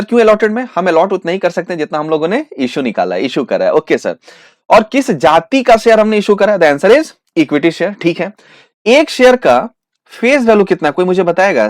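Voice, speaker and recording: A man teaching an accountancy exam revision lesson, asking questions and answering them himself in a student's voice, drawing out each answer with slow emphasis. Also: on the high side, dry recording, clean studio sound. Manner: plays both teacher and student in a back-and-forth.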